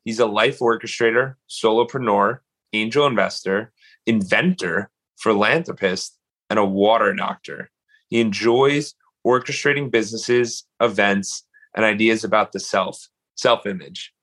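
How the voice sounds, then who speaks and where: A man hosting a podcast, reading an energetic intro and then asking casual interview questions. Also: lowish voice, unhurried. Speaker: podcast host.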